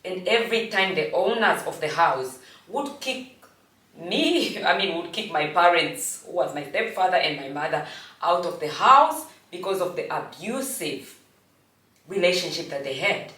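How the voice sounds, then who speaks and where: A Namibian woman in her forties, telling a personal story in a halting, reflective way with frequent restarts. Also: on the low side, animated, bright, forceful tone. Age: 40s. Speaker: host. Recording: echoey room, distant from mic.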